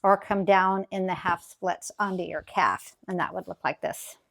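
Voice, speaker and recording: A woman teaching yoga as a calm guided grounding exercise, gently and encouragingly instructing. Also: lowish voice, moderate pace, creaky.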